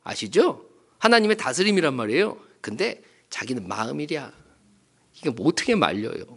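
A man's voice: medium pitch, very animated, moderate pace, gravelly, husky. A male pastor preaching a sermon at a Wednesday prayer meeting in a church, telling a story and asking the congregation rhetorical questions.

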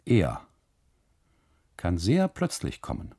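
A man's voice: low voice, huge pitch swings, takes it slowly, warm tone, slightly rough, heavily acted. An actor playing an insistent male custodian who keeps prodding with questions and dwells on death. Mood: insinuating.

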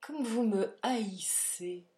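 A woman voicing a cold, ironic male count who threatens with smooth, polite cruelty, in an audiobook reading. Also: medium pitch, animated, very slow, warm tone. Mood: gloating.

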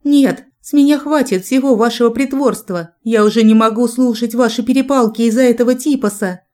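A woman voicing a shrill, furious teenage daughter in an audiobook. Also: fairly quick, mellow, close to an everyday voice. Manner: shrieking, ringing.

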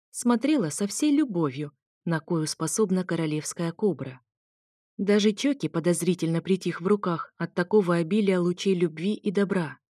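A woman's voice: on the low side, dark tone, no echo, clean studio sound. A woman narrating a first-person audiobook with a wry, ironic delivery.

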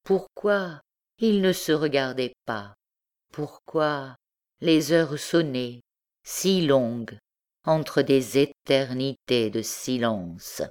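A woman reading literary fiction aloud as an audiobook narrator, measured and with dramatic pauses. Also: extremely low pitch, darkish tone. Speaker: audiobook reader.

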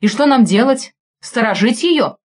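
A woman voicing a panicky, crude male thug who shouts frantically in an audiobook. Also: medium pitch, expressive, fairly quick, natural voice. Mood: sneering. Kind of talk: audiobook character voice.

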